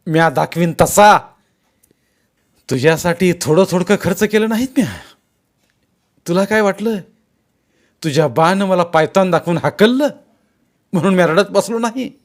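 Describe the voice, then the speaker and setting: A man's voice: a little high, very fast, few pauses, a little mellow, pitched above the performer's own voice, close to an everyday voice. A man voicing a scheming, menacing rural landlord who growls threats in rustic village speech.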